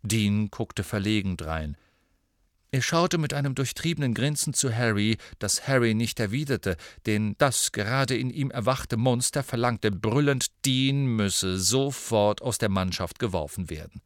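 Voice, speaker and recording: A man narrating a novel in expressive storytelling style. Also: on the low side, a little slow, no room sound, studio quality. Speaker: audiobook narrator. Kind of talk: scripted narration.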